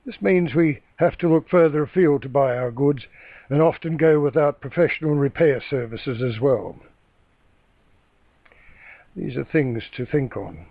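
An Australian man reading a scripted news item in a measured, reflective tone. His voice comes through a tinny, phone-like line. The sound is dry and close. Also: a little high, dry recording. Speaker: news correspondent.

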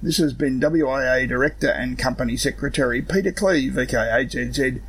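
A man with a rough, gravelly voice, hoarse from illness, reading a scripted announcement as an organisation secretary. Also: mid-range voice, a little fast, fairly bright tone, a little hiss or hum. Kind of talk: scripted news announcement read aloud.

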